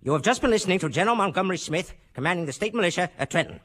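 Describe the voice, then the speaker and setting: An actor playing a grave, formal American radio newsman in a 1930s old newsreel manner, with urgent, measured phrasing. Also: sits high, animated, a bit bright. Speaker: radio news announcer.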